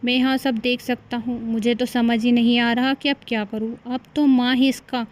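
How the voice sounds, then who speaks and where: Harried young cartoon husband, voiced by a woman: meek, weary, pleading, slightly high. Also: flat delivery, normal speed, lightly acted. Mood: despairing. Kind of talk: cartoon voice acting.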